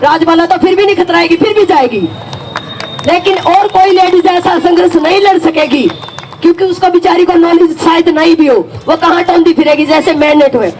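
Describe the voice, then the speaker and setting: A woman's voice: very high-pitched, normal speed, a little hiss or hum, rough recording. A middle-aged woman with a Haryanvi accent gives an emphatic first-person account of joining a protest, her voice rising at times. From Haryana, India. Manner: emphatic, rises to shouting when retelling. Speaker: farmer protest supporter.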